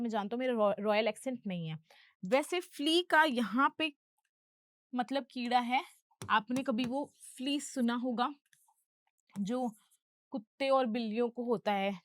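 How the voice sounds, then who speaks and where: A woman's voice: a little high, dry recording, studio quality. A woman English teacher explaining film dialogue in a lesson, patient and going through each term step by step.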